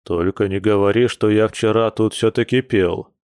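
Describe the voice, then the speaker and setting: A man's voice: on the low side, fairly even intonation, normal speed, a little mellow, clear, resonant tone, dry recording, close to an everyday voice. A man voicing a hungover bear werewolf who groans and complains gloomily, in a dry audiobook recording. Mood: groaning. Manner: groaning, mournful.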